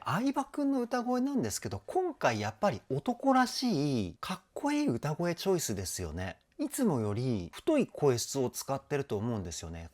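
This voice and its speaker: A man's voice: medium pitch, a little mellow. A man working as a vocal trainer, reacting to a song and analyzing the singing in an enthusiastic, explanatory way.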